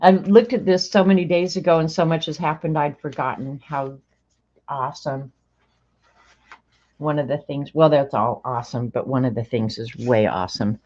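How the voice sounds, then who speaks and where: A deep, darkish, steady-toned voice belongs to a woman in her sixties who opens mail on her livestream at normal speed. She chats casually, thinking aloud and laughing often, over slightly dull lo-fi audio.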